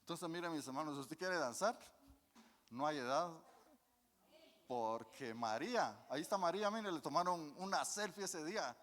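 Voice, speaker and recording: In a church hall with long reverb, a man preaches a folksy sermon in a fairly high, expressive, slightly bright voice at normal speed. He often calls his listeners brothers and asks them questions that he then answers himself.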